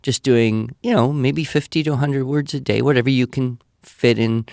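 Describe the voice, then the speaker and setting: A gravelly, slightly mellow medium-pitched voice comes through at studio quality with no echo, fairly even in intonation and moderate in pace. It's an older podcast guest expert answering listener questions conversationally and didactically, thinking aloud and using examples.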